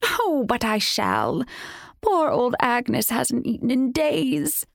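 A woman voicing a cackling old hag who speaks slowly in a mockingly sweet tone. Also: a little high, sing-song, gravelly, no room sound, studio quality, voice pushed up, full character voice. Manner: slow, mocking and sing-song.

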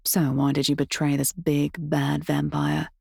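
Smug taunting male captor, woman reading, lowered and gravelly. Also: little pitch movement, a little slow, warm tone, no room sound, studio quality, full character voice.

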